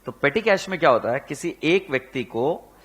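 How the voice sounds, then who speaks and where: A man with an Indian accent teaching accounts, telling animated anecdotes and acting out the people in them, with rhetorical questions to his students. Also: a little high, moderate pace, breathy edge. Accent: Indian, Pune area. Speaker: accounts lecturer. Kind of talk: storytelling lecture mixing Hindi and English.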